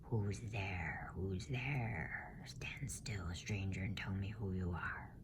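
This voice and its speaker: A woman's voice: extremely low pitch, slow, noisy background, voice pushed down. A woman voicing a menacing, commanding gray wolf in a growling whisper for a bedtime storybook. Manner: commanding, curt. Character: menacing great gray wolf, witch's police chief.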